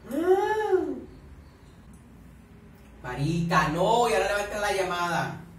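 A man's voice: high-pitched, very animated, slow pace, slight background noise. A man doing chatty reaction commentary, swearing a lot and eating while he talks. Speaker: reaction vlogger. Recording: very echoey room, far from the mic.

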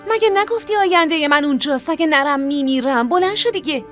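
Firm, caring older sister, high voice, dubbed drama with faint music. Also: female voice, animated, fairly bright tone. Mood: urging. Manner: pleading then scolding, earnest. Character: young woman raising her siblings, caring but firm. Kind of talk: Persian dub of a TV drama.

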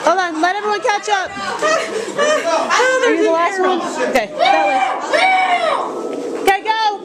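A woman's voice: very high-pitched, steady tone, normal speed. A woman working as a guide in an indoor haunted house, calling out short, bossy directions to a group. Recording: very noisy handheld video, crowd din. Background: loud noise and crowd.

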